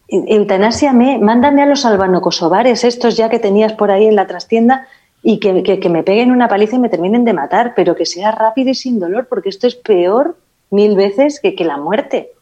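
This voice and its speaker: A woman's voice: mid-range voice, warm tone, dull audio. A woman hosting a podcast, telling stories in a comically exaggerated, dramatic way. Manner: exaggerated, dramatic storytelling with pleading asides. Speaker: podcast host. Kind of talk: comedic casual chat.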